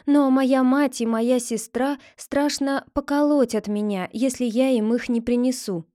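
A woman's voice: sits high, fairly even intonation, measured pace, warm tone, no echo, clean studio sound. A woman voicing a poor, timid young girl who pleads politely in a read-aloud fairy tale. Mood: pleading.

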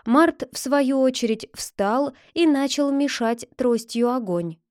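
A woman narrating a fairy tale aloud in a calm, even storytelling manner. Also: high-pitched, slow, dry recording, studio quality.

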